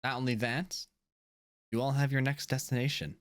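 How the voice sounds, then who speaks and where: A man's voice: medium pitch, flat delivery, normal speed, dry recording, clean studio sound. A man running a tabletop game as game master, narrating casually with lots of fillers.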